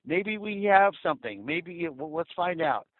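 A man's voice: sits high, unhurried, slight background noise. A man from Southern California, a caller to a fan radio show, talking bluntly and with animation over a phone line. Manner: blunt, animated, swings loud and soft. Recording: tinny dry phone line.

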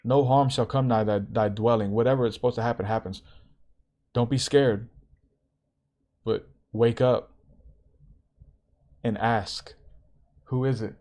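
A man's voice: mid-range voice, steady tone, measured pace, long pauses, darkish tone. A man talks to his podcast listeners about faith and spiritual callings. He preaches in an easy, casual way, repeats his lines for emphasis and laughs now and then. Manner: preacherly, repetitive, laughs often. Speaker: podcast host. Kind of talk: spiritual encouragement talk.

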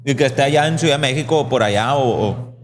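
A man with a Sinaloan accent trades slangy jokes in a restaurant. His pitch is ordinary for a man. A long reverberant echo trails after his words. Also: music in the background. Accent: Sinaloan Mexican Spanish. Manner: joking, slangy, quick comebacks. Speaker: co-host. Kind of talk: casual chat.

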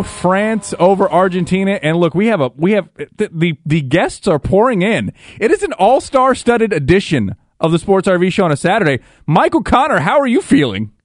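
A male radio host chatting casually with callers, teasing and joking in quick banter. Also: high-pitched, slight background noise. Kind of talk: casual call-in radio chat.

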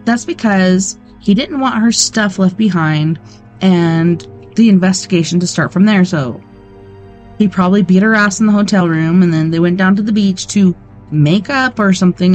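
This weekend show host is a woman with a lowish, darkish voice, hosting a late-night program. She reads a true-crime book aloud and keeps breaking off for blunt, sarcastic asides peppered with swearing.

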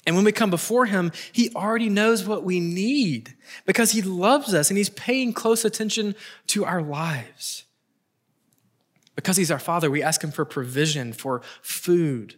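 With a high-pitched voice, this middle-aged preacher works through a prepared sermon earnestly and emphatically. He uses deliberate pauses and repeats phrases for added weight.

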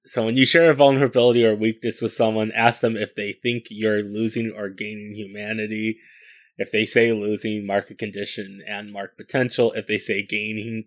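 A man's voice: on the low side, little pitch movement, moderate pace. A man playing a tabletop game, explaining his moves with hesitant fillers. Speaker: player. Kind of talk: casual tabletop play.

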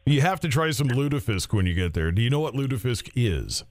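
A man's voice: medium pitch, sing-song, fairly quick, darkish tone, dry recording. A man hosting a casual radio interview, chatty and rambling, telling stories and laughing easily. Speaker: radio host.

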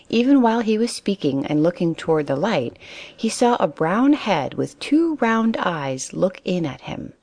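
A woman reads a children's story aloud in a calm, steady voice. Her pitch sits on the low side, and her delivery stays even and unhurried. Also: no room sound. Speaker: narrator. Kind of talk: storybook narration.

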